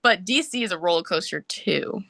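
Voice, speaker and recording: Young woman, bright voice, dry close sound, chatty storytelling, soccer player guest. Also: fairly low pitch, creaky, dry recording. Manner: animated, fast storytelling with many "like"s. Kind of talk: casual storytelling.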